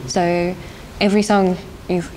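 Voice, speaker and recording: A woman's voice: fairly low pitch, little pitch movement, unhurried, a little mellow, poor audio. A young woman from South Africa, a band singer, answering interview questions in a thoughtful, hesitant way with frequent laughs. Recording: faint background noise.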